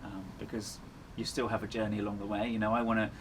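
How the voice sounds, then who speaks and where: Casual and reflective, an endurance runner being interviewed speaks earnestly in a fast, flat delivery. His voice is lowish, and ambient noise is clearly audible throughout.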